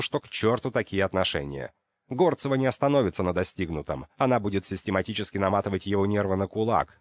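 A man narrating an audiobook in a steady, measured reading. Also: on the low side. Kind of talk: scripted narration.

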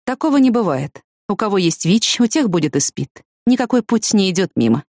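A woman reading the lines of a blunt, bitter young man of twenty in an audiobook, in a flat, matter-of-fact way. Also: medium pitch, brisk, no echo, studio quality, natural voice.

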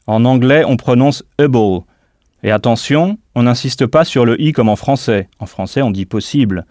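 A man's voice: medium pitch, a little mellow, no room sound, studio quality. A man teaching a scripted audio language lesson, carefully modelling pronunciation and spelling words out letter by letter. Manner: models pronunciation slowly and deliberately.

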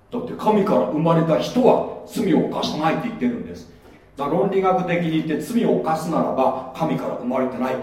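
A man's voice: on the high side, darkish tone. A middle-aged male pastor preaching a sermon in a chatty, conversational way, often putting questions to his congregation. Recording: echoey hall, mic far off.

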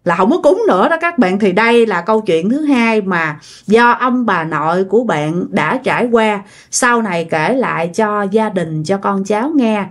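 A woman's voice: mid-range voice, animated, normal speed, few pauses. A woman with a Southern Vietnamese accent telling a ghost story in a chatty way, talking directly to her listeners.

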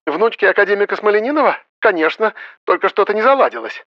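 A man's voice: expressive, fast talker, dry recording, muffled recording. A man doing a tearful, snobbish mother. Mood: fretful. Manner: wailing, pleading, high-pitched. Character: fretful middle-aged mother, tearful and snobbish.

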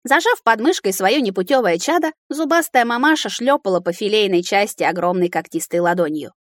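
Woman narrating a lively comic audiobook. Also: mid-range voice, a little fast, no echo, clean studio sound. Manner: lively, ironic storytelling. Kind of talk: first-person fantasy audiobook narration.

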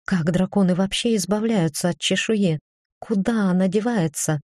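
A woman narrating a first-person fantasy audiobook in an even, measured reading. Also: medium pitch, dry recording, studio quality.

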